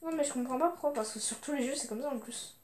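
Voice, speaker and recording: Young woman, high voice, casual vlog chat, hesitant, lots of fillers. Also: quick pace, darkish tone, a little hiss or hum. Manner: hesitant, many fillers and restarts. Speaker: video game collector showing her games.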